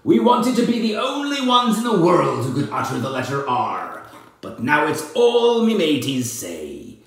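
A man growling as a gruff pirate captain. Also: on the high side, wildly swooping pitch, unhurried, fairly bright tone, heavy reverb, voice pushed up, full character voice.

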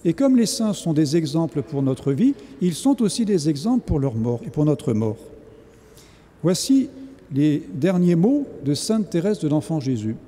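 A man's voice: on the high side, sing-song, a little slow, warm tone. A man preaching a sermon as a priest, speaking in an earnest, exhorting way. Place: large church. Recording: long church reverb.

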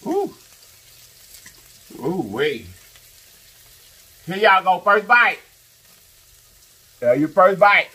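A woman's voice: on the low side, very animated, very slow, long pauses, bright, forceful tone, breathy edge. A woman with chatting to viewers during a mukbang eating vlog, with lots of mm sounds between bites. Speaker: mukbang vlogger. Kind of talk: casual eating vlog chat.

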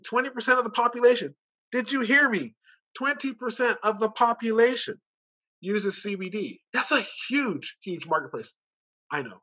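His voice sits high, bright and forceful as he, a company director, delivers an informal sales presentation at an online conference. Heard through dull, muffled video call audio, he stays conversational and persuasive, fond of rhetorical questions.

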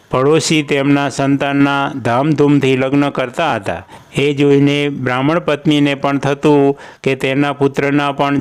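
A man narrating a fairy tale in a calm, measured, scripted reading. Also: medium pitch, smooth. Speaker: storyteller.

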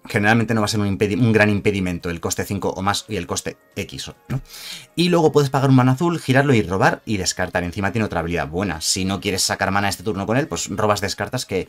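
A man giving a rambling, animated casual card analysis, often correcting himself. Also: fairly low pitch, fast talker. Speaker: card game reviewer. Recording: faint background music.

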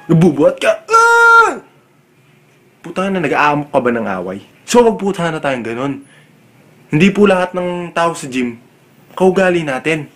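A young man doing a comedic rant, loud and exasperated, swearing freely as he mocks people. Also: a little high. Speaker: comedic vlogger.

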